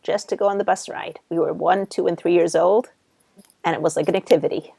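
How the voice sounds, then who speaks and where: A woman's low voice with a gravelly edge leads a healing session. She speaks in slow, soothing instructions. The sound is dry and close. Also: fairly even intonation, mellow, dry recording. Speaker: EFT healing practitioner. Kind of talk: guided visualization and tapping session.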